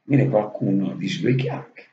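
A man's voice: lowish voice, expressive, unhurried, mellow, a little hiss or hum. A man talking casually and with affection to his absent brother. He repeats himself and swears casually. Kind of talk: casual heartfelt monologue to camera. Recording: dull lo-fi audio in an echoey room.

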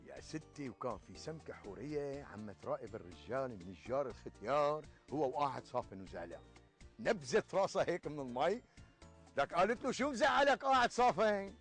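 Older Syrian man, sixties, patient village storyteller in a TV sketch, spinning an Arabic folk tale at a fast clip. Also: mid-range voice, big pitch swings, a bit bright, faint music behind. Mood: storytelling. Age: 60s. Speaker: actor in a TV sketch. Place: outdoors in a leafy garden.

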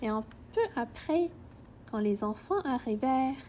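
A woman reading a children's storybook aloud in a gentle, expressive way. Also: on the high side, measured pace, slight background noise.

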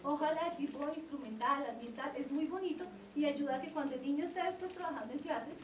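A woman's voice: sits high, fast talker, a little mellow, a little hiss or hum. A woman giving a lecture to parents and teachers on child development. She explains at length and keeps checking in with the audience. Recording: roomy lecture recording from a distance.

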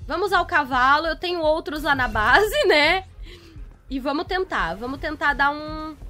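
A Brazilian woman giving excitable live commentary while playing a survival game, exclaiming and laughing in despair. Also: sits high, moderate pace, soft background music. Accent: Brazilian Portuguese. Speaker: gaming YouTuber.

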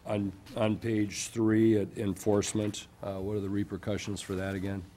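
A man's voice: on the low side, little pitch movement, normal speed, dark tone, a little hiss or hum. A man on a city council asking staff questions in an informal, probing way, with filler sounds. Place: council chamber, indoors.

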